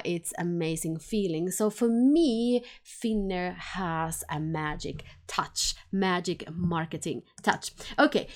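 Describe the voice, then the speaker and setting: A woman's voice: lowish voice, darkish tone. A woman, hosting a casual solo podcast from home, chatty and laughing lightly between phrases. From Finland. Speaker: podcast host.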